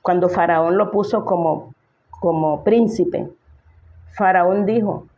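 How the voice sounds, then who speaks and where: A woman's voice: on the low side, slow, warm tone, lo-fi sound. A woman pastor preaching a sermon emphatically, speaking directly to her listeners and asking them rhetorical questions.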